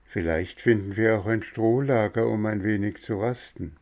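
Worn out old dad in a fairy tale, guy reading it does the voice, soft and a bit gravelly. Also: fairly low pitch, normal speed, natural voice. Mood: weary. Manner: weary, hopeful. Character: tired, weak old father.

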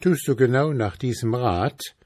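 A man voicing a village pastor in a folk tale, giving measured, earnest instruction. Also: mid-range voice, animated, a little mellow, no room sound, clean studio sound, voice pushed up.

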